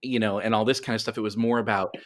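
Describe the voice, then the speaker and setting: His voice is on the low side and fairly bright, with fairly even intonation, and he talks fast. He's an American in his forties, a guest in an interview, casually telling rambling stories with plenty of self-deprecation.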